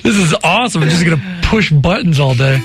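With faint music behind him, a man banters on a morning radio show through a studio microphone, talking fairly quickly in a slightly high, expressive voice. He's chatty and flustered, often stumbling over his words.

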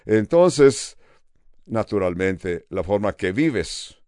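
An older man with a Californian accent preaching a sermon as a pastor, earnest and steady, with pauses and repeated phrases. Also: on the low side, no echo, clean studio sound. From United States.

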